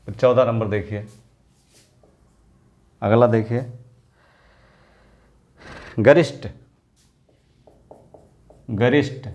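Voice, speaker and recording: A man teaching an exam-prep lesson, repeating each word and firing off quick rhetorical questions in an informal, coaxing way. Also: mid-range voice, a little mellow. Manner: drills words by repetition, asks quick rhetorical questions.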